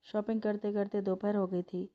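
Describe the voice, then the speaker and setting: A woman narrates a family story in a plain, steady reading. Her pitch barely moves and stays at a middle height. The recording is dull and lo-fi. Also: moderate pace.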